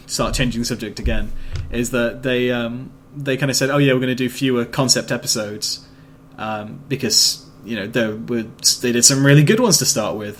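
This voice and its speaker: A man co-hosting a podcast, chatting casually and rambling with many fillers and restarts, a little sleepy. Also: medium pitch. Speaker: podcast co-host. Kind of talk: casual chat. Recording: faint background noise.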